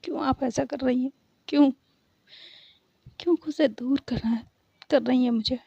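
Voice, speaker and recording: A woman voicing a high, pleading young lover. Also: normal speed, vocal fry, slightly rough, dry recording, highs cut off, full character voice. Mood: tearful. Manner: coaxing, pleading, teasing.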